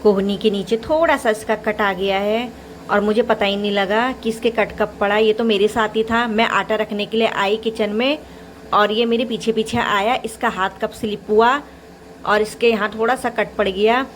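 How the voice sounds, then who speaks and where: This is a casual daily vlog: a young woman in her kitchen talks to the camera about her day and her little boy while handling housework. Her voice is mid-range and steady, her pace moderate, and a faint hiss or hum can be heard.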